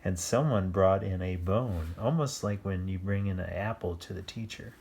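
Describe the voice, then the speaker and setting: With a low voice at a moderate pace, a children's story-time reader gives an animated, playful picture-book read-aloud, full of chatty asides and exclamations.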